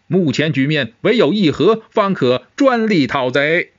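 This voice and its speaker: A man reading a comic-book story voices a cautious, eloquent war minister who speaks in a measured, formal and deferential way. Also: a little high, animated, no echo, pitched above the performer's own voice. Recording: dull, muffled sound.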